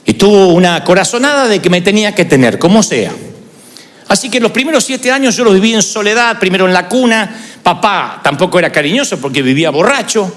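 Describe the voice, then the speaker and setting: A middle-aged pastor preaches a sermon, weaving humor into personal stories with animated delivery. His voice sits high and moves briskly, and the recording has a big-room sound.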